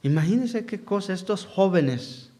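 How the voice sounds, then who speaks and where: A man's voice: high-pitched, expressive, measured pace, warm tone. A man preaching as pastor in a church hall, asking the congregation questions and acting out quotes in a sermon.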